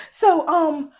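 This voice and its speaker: A middle-aged woman giving a casual, profane movie recap, animated and laughing often. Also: extremely high pitch. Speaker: movie reviewer.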